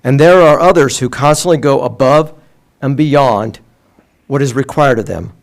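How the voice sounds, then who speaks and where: A man reads a prepared tribute at a city council meeting, keeping a steady, measured pace. The delivery is plainly scripted and formal. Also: medium pitch, vocal fry. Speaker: city official presenting an award.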